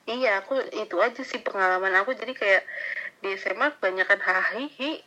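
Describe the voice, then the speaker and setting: A young woman in her twenties with a bright, sharp voice chats casually. She reacts and teases, nudging her friend along with quick questions. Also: medium pitch, low-quality recording. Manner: teasing, reactive, prompts with questions. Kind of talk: casual chat.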